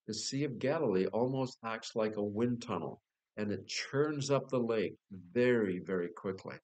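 Low-voiced male pastor preaching. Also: darkish tone, low-quality recording. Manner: expository preaching with a dry joke, slows for emphasis. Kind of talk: sermon.

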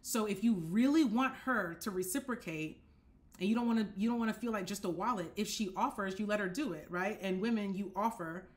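Young woman talking dating advice to her webcam at home, animated, keeps asking if it makes sense. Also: mid-range voice, brisk. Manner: animated, direct, checks in with listeners often. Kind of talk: casual advice talk to camera. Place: apartment living room, indoors.

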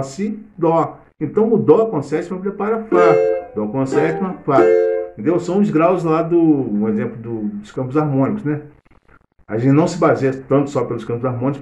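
A middle-aged man with a Brazilian Portuguese accent gives a casual live cavaquinho lesson, chatting about theory as he plays and humming or singing bits. His voice is a little high, fairly quick, and lively in intonation. The recording is muffled and echoey, with loud cavaquinho music behind him.

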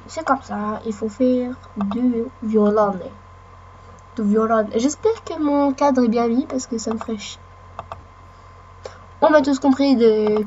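Une femme à la voix assez haute, enrouée et reniflante, commente une partie de jeu sur un ton bavard et décousu, parlant aussi bien au jeu qu'à ses spectateurs. Le son est terne, de qualité médiocre, avec un léger souffle en fond. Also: female voice, a little high, a little mellow, highs cut off, a little hiss or hum. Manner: chatty, rambling, talks to the game and viewers. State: hoarse from a cold, sniffling. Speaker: let's play gamer. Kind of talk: casual gameplay commentary.

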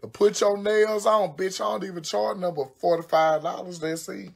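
A woman livestreams on her phone from home, doing her nails and chatting casually with plenty of swearing; she is a social media personality. Her mid-range voice is steady, gravelly and darkish with a breathy edge, at a moderate pace, and her manner is brash, profane and exclamatory.

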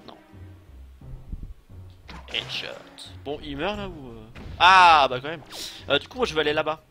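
A man's voice: a little high, expressive, measured pace. A young man casually commenting on his gameplay, joking, swearing and talking to his chat. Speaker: let's play streamer. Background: game music.

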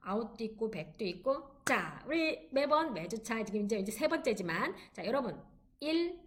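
A woman giving an online English lecture, encouraging students and drilling phrases slowly for them to repeat. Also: a little high, very animated. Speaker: English teacher.

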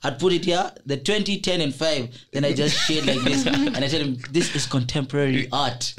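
A man's voice: a little high, normal speed. A young man hosting a studio podcast, joking around and telling playful stories. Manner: playful, joking, animated storytelling. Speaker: podcast host. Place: small indoor podcast studio. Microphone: studio microphone on a boom arm.

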